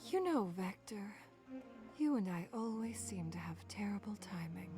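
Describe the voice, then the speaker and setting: A woman playing a gentle, affectionate, motherly character in a game story, tender and polite. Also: medium pitch, expressive, normal speed, music in the background, lightly acted. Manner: tender, soft-spoken, polite. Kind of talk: game voice acting.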